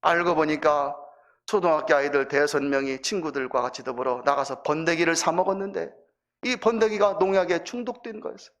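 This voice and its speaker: A man's voice: a little high, brisk, a bit bright. A male pastor preaching in a church, telling a story animatedly and addressing the congregation directly. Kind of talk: sermon storytelling.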